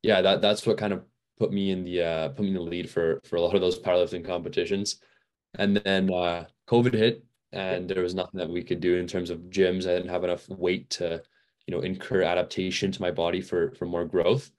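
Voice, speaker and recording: Deep-voiced young man rambling casually. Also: level tone, fairly quick, darkish tone. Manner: rambling, many fillers and restarts. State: a little fatigued. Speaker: podcast guest. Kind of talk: casual interview chat.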